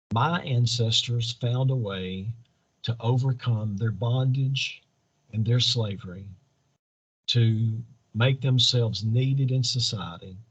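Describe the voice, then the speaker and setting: Speaking at a medium pitch with a husky quality, this man sounds muffled, his high frequencies cut off. He's a political candidate answering interview questions in speech-like statements, earnest and preacherly, stacking up his points through repeated parallel phrases.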